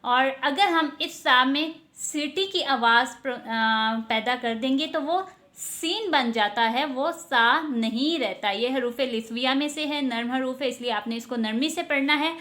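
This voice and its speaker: Woman, Quran teacher, high voice, slow unhurried delivery, patient explanations, drawn-out letter sounds. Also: a bit bright. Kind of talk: online tajweed lesson.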